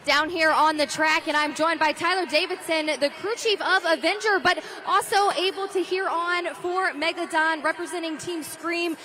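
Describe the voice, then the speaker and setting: A woman's voice: very high voice, steady tone, moderate pace, hardly any pauses, pushed and bright, slight background noise. A woman reporting live from trackside, doing a sports interview at a stadium event.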